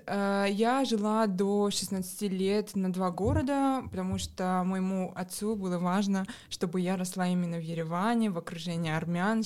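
Relaxed young woman from Armenia. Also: medium pitch. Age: 20s. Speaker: interview guest. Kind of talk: casual interview chat.

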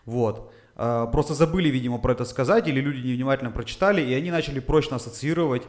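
This man's mid-range voice comes out in rapid-fire bursts as he explains fitness topics on a podcast, methodically and with plenty of "uh" fillers. He's a coach from the Urals in Russia, keeping the tone casual.

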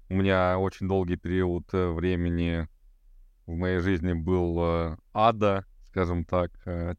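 A man's voice: deep voice, darkish tone, clean tone, no echo. A man in his thirties, a podcast guest talking casually and hesitantly, with many fillers. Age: 30s. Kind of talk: casual conversation.

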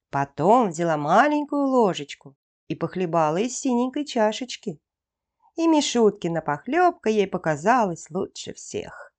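A woman narrating a fairy tale for children in a calm, expressive storytelling voice. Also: on the low side.

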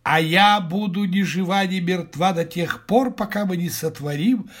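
A man's voice: sits high, unhurried, a bit bright. A man doing a cunning medieval wife. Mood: wheedling. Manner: storyteller's dramatic reading.

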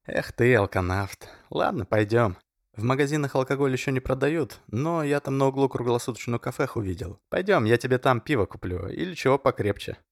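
A man voicing a calm, good-natured young man who talks casually. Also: on the low side, moderate pace, vocal fry, no echo, clean studio sound. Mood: easygoing. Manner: casual, easygoing.

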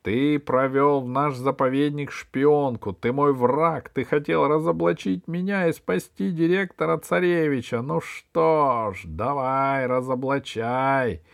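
A man's voice: medium pitch, expressive, moderate pace, gravelly. A man doing Kusandra, a gloating villain. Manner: menacing, gloating. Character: sinister scheming male villain Kusandra.

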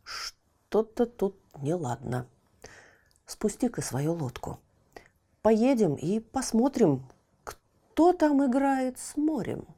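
A woman voicing an old male wizard in a storybook, grave and commanding, with a slow, deliberate delivery. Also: on the high side, big pitch swings, warm tone, pitched above the performer's own voice, full character voice. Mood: puzzled. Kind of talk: storybook character voice.

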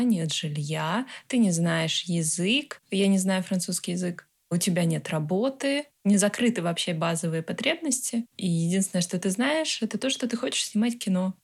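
A woman in her twenties, a filmmaker, answering interview questions in a calm, reflective and earnest way. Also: on the low side. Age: 20s. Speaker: guest filmmaker.

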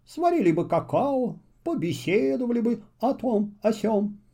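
A shy, lonely little storybook traveler who speaks slowly and with careful courtesy, as a male narrator puts him on. The voice is raised high and warm, with a lively, singsong lilt. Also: full character voice. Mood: polite, gentle. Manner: slow, courteous and hesitant. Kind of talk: children's storybook reading.

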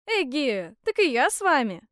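A woman's voice: sits high, sing-song, moderate pace, no echo, clean studio sound, pitched above the performer's own voice. A woman reading a storybook aloud, voicing a boisterous, cocky young simpleton man who whoops and boasts. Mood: eager. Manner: loud whooping, brash and gleeful.

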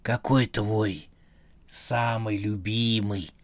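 A man reading a story aloud, voicing a calm, mysterious phone caller with an artificial, metallic, robot-like voice. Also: lowish voice, dry recording, voice pushed down. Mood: eerie calm. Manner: slow, eerily calm quizzing. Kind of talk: audiobook narration with voiced characters.

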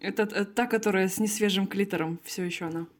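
Woman, quick pace, medium pitch, podcast host, blunt, informal, sweary, casual comedic chat. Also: fairly even intonation.

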